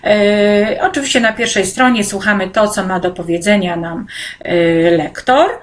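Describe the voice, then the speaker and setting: A woman teacher slowly guiding children through an online e-textbook lesson, speaking to them directly and often pausing on hesitant fillers. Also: mid-range voice. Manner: slow and patient, with frequent hesitant "e" fillers. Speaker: primary school teacher.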